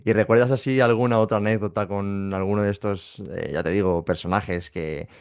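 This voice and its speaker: A man interviewing an actor, asking questions in a relaxed way. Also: on the low side, fairly quick, smooth. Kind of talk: casual interview.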